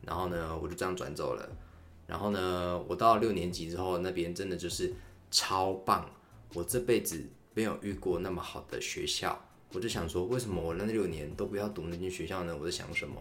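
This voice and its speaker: Low-pitched but fairly bright in tone, a young man talks fairly quickly as he hosts his podcast. He rambles candidly through a casual solo story.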